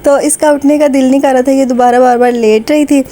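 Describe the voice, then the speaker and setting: A woman's voice: sits high, steady tone, brisk, very noisy. A woman from Pakistan with a Pakistani Urdu accent, narrating her family vlog in a chatty, conversational way with frequent fillers. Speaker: vlogger.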